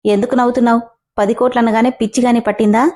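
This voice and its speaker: A man's voice: very high-pitched, flat delivery, rapid-fire, dark tone. A woman doing an arrogant young male boss, commanding and taunting.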